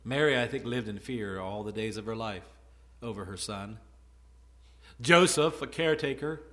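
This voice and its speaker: Bright-voiced man preaching a story sermon. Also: fairly low pitch, normal speed. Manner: conversational storytelling, swinging from soft asides to loud emphasis. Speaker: pastor.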